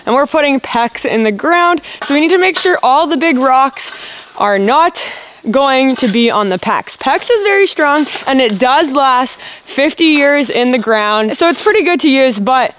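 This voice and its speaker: A woman's voice: high voice, expressive, moderate pace, a bit bright, slight background noise. A woman in her thirties chatting to viewers outdoors in a wooded yard, filming herself at arm's length and laughing often. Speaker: vlogger. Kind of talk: casual vlog narration. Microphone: handheld camera at arm's length.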